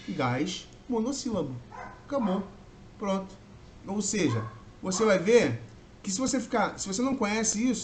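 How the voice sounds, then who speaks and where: Male teacher from Brazil, exam-prep grammar lesson, slightly high voice, stretches key words, faint hiss. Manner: explains step by step, stretches key words slowly. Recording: faint background noise.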